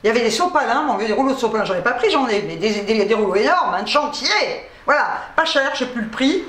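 A woman's voice: on the high side, animated, fast, fairly bright tone. A woman chatting casually about her grocery haul, joking and laughing often between filler words. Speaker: vlogger. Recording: echoey room, faint noise.

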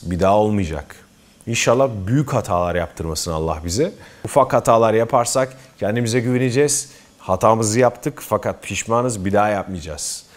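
Low-voiced earnest male advice vlogger. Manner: earnest, emphatic, keeps addressing viewers as friends. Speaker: self-improvement vlogger. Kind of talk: advice talk to camera.

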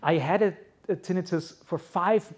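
A man's voice: high-pitched, normal speed, a little mellow, breathy edge. A middle-aged man, a film director, answering audience questions at a festival, rambling with many fillers and restarts. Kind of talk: casual Q&A answers. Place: festival hall before an audience.

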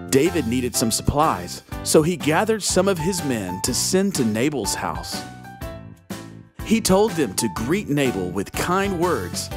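A woman narrating a children's Bible story in a slow, expressive storytelling manner. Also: low voice. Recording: music bed underneath.

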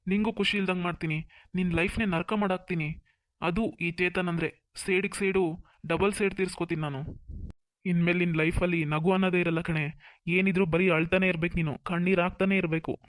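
A man's voice: sits high, fairly even intonation, brisk, no room sound, close to an everyday voice. A man voicing a scheming, vengeful young male student in a cartoon, sweet-talking and then gloating. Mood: gloating menace. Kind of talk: Kannada cartoon voice acting.

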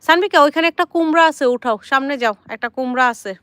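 A woman's voice: sits high, a little fast, a bit bright, no echo. A woman in her thirties chatting casually in her garden for a vlog, coaxing her children along and talking to her viewers. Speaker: vlogger and mother. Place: home garden outdoors, sitting with tea.

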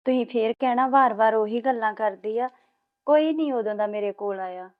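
A woman plays a worried new bride, asking hesitant questions in a slightly high voice. The sound is muffled and lo-fi. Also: fairly quick, lightly acted. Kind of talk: village family drama acting.

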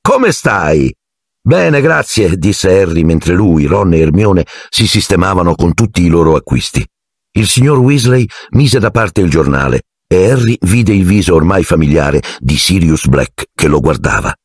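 A man's voice: low voice, animated, moderate pace, husky, no echo, clean studio sound. A man narrating an audiobook expressively and doing the character voices.

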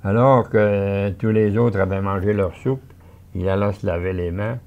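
Low gravelly Québécois storyteller. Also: male voice, fairly even intonation, a little slow, narrow, tinny audio. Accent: Québécois French. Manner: folksy, chatty asides. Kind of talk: reading a story aloud on local TV.

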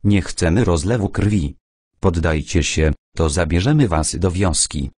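A man's voice: sits low, lively intonation, measured pace, darkish tone, no room sound, clean studio sound. A man voicing a stern male steppe militia leader who bargains bluntly in an audiobook. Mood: bargaining. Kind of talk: audiobook character voice.

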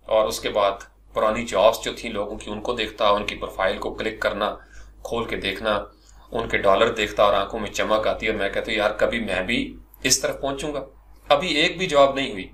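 A middle-aged man from Pakistan, a freelancer, telling his own career story as a lively personal monologue, often addressing his listeners politely. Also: medium pitch.

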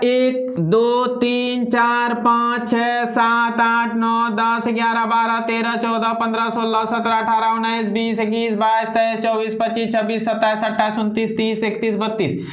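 Male schoolteacher at a blackboard, unhurried and repetitive, recorded in a roomy, echoing space. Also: very high-pitched, fairly bright tone. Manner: slow, spells and counts letters aloud, repeats words. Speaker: teacher. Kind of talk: blackboard lesson for students.

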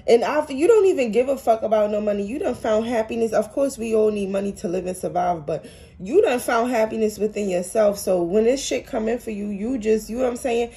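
A young woman reads tarot in a casual, blunt, profane way, dropping street slang as she goes. Her voice sits at an ordinary pitch with a mellow, darker tone. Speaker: tarot reader.

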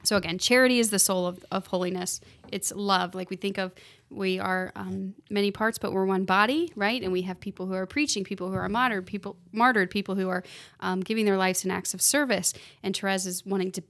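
A woman's voice: mid-range voice, a little fast. A woman co-hosting a podcast, reading catechism passages aloud and discussing them with eager enthusiasm. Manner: enthusiastic, steady "mm-hmm" listener. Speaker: podcast co-host.

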